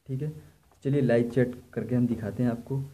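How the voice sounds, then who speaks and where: Warm in tone and medium in pitch, this electrician speaks at normal speed with fairly even intonation. Indoors, filming equipment on the floor, he gives a casual hands-on product demo, walking through each step and frequently repeating himself.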